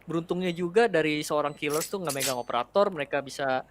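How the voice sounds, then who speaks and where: A man's voice: a little high, fast talker, noisy background. A man with an Indonesian accent giving live game commentary and analysis in colloquial, slangy speech. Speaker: esports caster. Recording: game sounds behind the voice.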